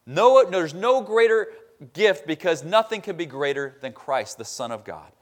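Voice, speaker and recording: A man delivers a sermon from the pulpit in a voice a little higher than most men's. He leans hard on key words, then falls almost to a murmur as each point lands. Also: sing-song, normal speed. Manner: emphatic preaching, swinging between loud stresses and quiet drops. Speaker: pastor.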